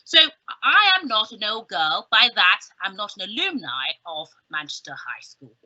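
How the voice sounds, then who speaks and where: Speaking over a slightly dull video call from a small room lined with bookshelves, a middle-aged southern English woman delivers a chatty, informal careers talk as a guest. Her mid-range voice is very animated, pushed and bright, at a moderate pace. She stresses her points emphatically and throws in humorous asides.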